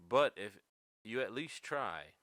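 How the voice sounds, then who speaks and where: A man's voice: medium pitch, expressive, slow, a bit bright, no echo, studio quality. A man in his late twenties in casual podcast chat, rambling and laid-back, swearing freely as he muses. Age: 20s. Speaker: podcast host.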